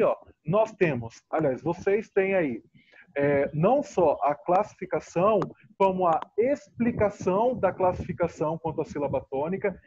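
A man's voice: sits high, a little mellow. A man teaching a class online, patient and stretching out words as he explains, often checking in with the students. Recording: muffled lo-fi audio, faint noise.

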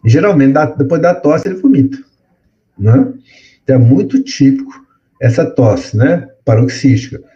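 A man's voice: medium pitch, lively intonation, normal speed, warm tone, highs cut off. A man giving a medical lecture to students, explaining step by step and often checking in with tag questions. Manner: explanatory, repeats words for effect, frequent tag questions. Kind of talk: classroom lecture.

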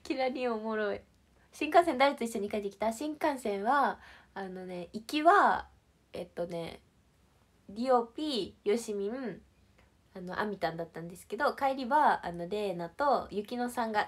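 This is a young woman from Shizuoka, Japan, working as an idol livestream host and casually chatting through viewer comments. She speaks in a mid-range voice at a moderate pace, sounding bubbly, playful and giggly.

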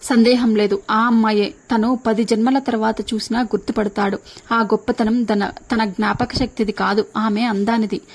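A woman reading a novel aloud as an audiobook narrator, in steady storytelling. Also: fairly high pitch, moderate pace.

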